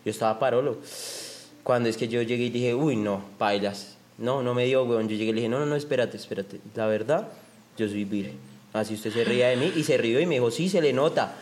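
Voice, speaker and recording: A man's voice: medium pitch, quick pace, a little mellow. A young man with a Colombian accent, telling crude, joking stories in a casual chat full of slang.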